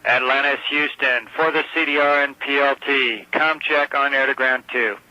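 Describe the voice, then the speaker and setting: A man's voice: mid-range voice, fairly even intonation, moderate pace, bright, forceful tone, dry recording. A man working as a mission control communicator, giving formal, procedural voice checks over radio. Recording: dull radio channel.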